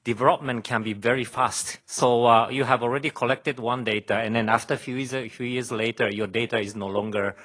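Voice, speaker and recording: A man's voice: mid-range voice, fairly even intonation, fairly quick, hardly any pauses, fairly bright tone. A man moderating a panel discussion in a conversational way.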